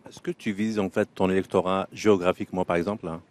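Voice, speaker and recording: A man's voice: deep voice, steady tone, fast, darkish tone. A man interviewing a local candidate with brief, plain questions.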